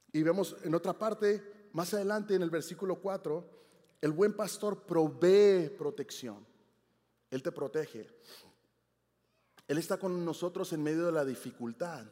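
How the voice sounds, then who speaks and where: A man preaching a sermon, telling a personal story earnestly, rising with emphasis and dropping to quiet reflection. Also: sits high. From Texas, United States. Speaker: pastor. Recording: church hall with long reverb.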